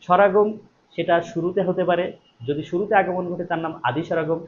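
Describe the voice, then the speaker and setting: A man's voice: high voice, fairly even intonation, normal speed. A man teaching a live online exam-prep class, repeating each question and then answering it himself, stressing key words. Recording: dull lo-fi stream audio with faint noise.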